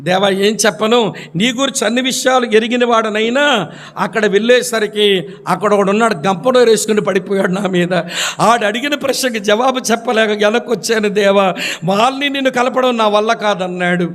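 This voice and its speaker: A man's voice: high voice, moderate pace, fairly bright tone. A man voicing the archangel Gabriel as a polite, deferential male spirit in a story told during a sermon. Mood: polite, mild. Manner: courteous, deferential replies.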